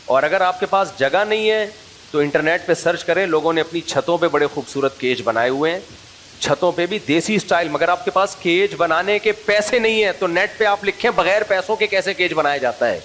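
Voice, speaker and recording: A middle-aged male preacher from Pakistan speaks with a fairly high voice, telling humorous stories in a loose, chatty way. He keeps pulling his audience in with direct questions, and a faint hiss sits under the recording. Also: a bit bright, poor audio. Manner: humorous, anecdotal, throws questions at listeners. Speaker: Islamic preacher. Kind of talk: informal religious talk to an audience.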